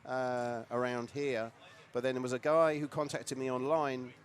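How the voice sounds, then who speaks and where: A man's voice: medium pitch, little pitch movement, moderate pace. A man from southern England with an English accent, chatting casually as a guest in an interview. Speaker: guest, classic truck owner. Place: on location at a car show. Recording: noisy live event ambience. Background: clear ambient noise of the event.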